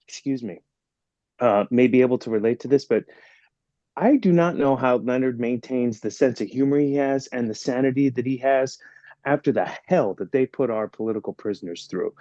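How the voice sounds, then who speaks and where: Earnest male advocate on a video call, mellow voice, audio crackling and cutting out. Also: mid-range voice, normal speed, no room sound, highs cut off. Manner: earnest, with frequent restarts and "uh"s. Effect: crackling audio that cuts in and out. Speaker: advocacy committee speaker. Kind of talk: impassioned appeal on a video call.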